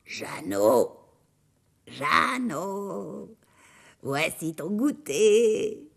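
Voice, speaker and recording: Lady doing a nasty old ogress, raspy cracked voice, hollers slow and drawn out. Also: fairly low pitch, big pitch swings, heavily acted. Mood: wheedling. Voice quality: hoarse, cracked voice. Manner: calls out loud and drawn out. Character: wicked old female forest ogress, grasping. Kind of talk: storybook character voice.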